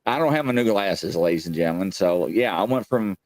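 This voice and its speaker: A man in his late forties with a low, darkish voice speaks fairly quickly as he hosts a casual show. He rambles through folksy anecdotes with emphasis and acts out quoted conversations. There's no room sound at all.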